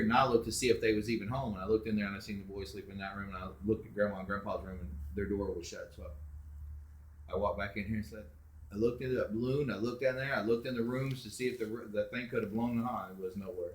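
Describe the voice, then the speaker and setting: A middle-aged man, a father telling family ghost stories in a casual, animated way, acting out quotes loudly. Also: lowish voice, fast talker, roomy sound. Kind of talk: casual storytelling.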